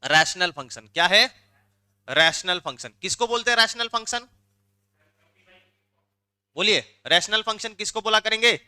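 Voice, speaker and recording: Bright, high-pitched math teacher. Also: male voice, moderate pace, pauses often, clear, resonant tone. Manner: prods students for answers, repeats questions. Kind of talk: interactive classroom lecture.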